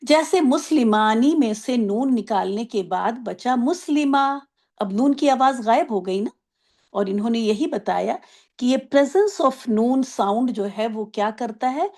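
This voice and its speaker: A woman teaching an online Arabic grammar class, explaining patiently, asking if everyone follows, and drawing out example words slowly. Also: a little high, animated, dark tone. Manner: explains patiently, asks checking questions.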